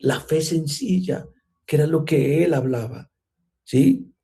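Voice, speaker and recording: A man's voice: on the high side, slow, mellow. A man teaching a church class, often checking in with his listeners through rhetorical questions. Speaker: Bible teacher.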